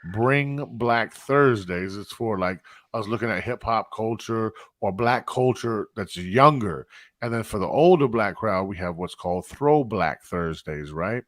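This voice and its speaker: Animated male podcast host, dry sound. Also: on the low side, normal speed, no echo. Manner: animated, interrupts and repeats himself. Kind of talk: casual chat. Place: live stream studio.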